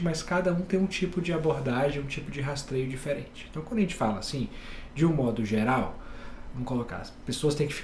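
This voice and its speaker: Male surgeon guest from Bahia, patient explainer, average pitch, echoey room recording. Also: slight background noise. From Bahia, Brazil. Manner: calm, explains step by step with plain examples. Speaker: head and neck surgeon guest. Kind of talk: explanatory podcast interview.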